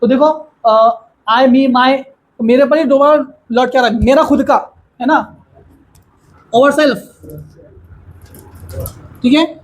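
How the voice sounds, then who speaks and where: A man teaching a grammar lesson to a classroom of students, explaining slowly and asking them questions again and again. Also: extremely high pitch, fairly even intonation, a little hiss or hum, low-quality recording.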